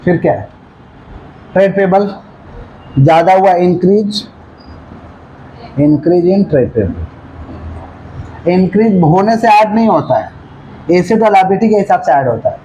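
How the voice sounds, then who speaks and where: A male commerce teacher giving a classroom lecture, asking the class again and again if they follow, and slowing right down to dictate. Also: sits high, mellow, a little hiss or hum, low-quality recording. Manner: repeatedly checks understanding with questions; dictates slowly, then rattles off explanations.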